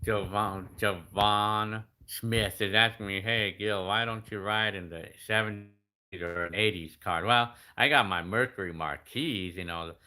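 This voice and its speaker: A man's voice: on the low side, slow pace, bright, forceful tone. A fifty-year-old man chatting casually as he reads out viewer comments, rambling with many restarts and fillers. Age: 50s. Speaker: YouTube creator answering comments.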